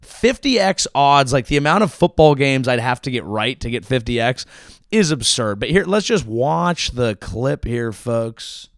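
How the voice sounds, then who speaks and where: A man hosting his own show, delivering a profane, sarcastic comedic political monologue with sudden yelled outbursts. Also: medium pitch, big pitch swings, measured pace, no room sound, studio quality. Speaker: comedian host.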